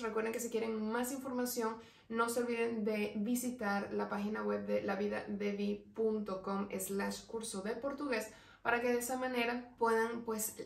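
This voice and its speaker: A woman's voice: on the high side, gravelly, recorded from a distance. Patient woman teacher in an echoey room. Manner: patient, explanatory, slows down to spell out example words. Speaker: language teacher. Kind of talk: online language lesson. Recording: roomy echo, voice away from the mic.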